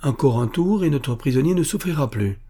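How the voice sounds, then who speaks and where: Dry clinical castle doctor, raised and husky, played by a man. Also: mid-range voice, expressive, brisk, dark tone, voice pushed up. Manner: dry, matter-of-fact.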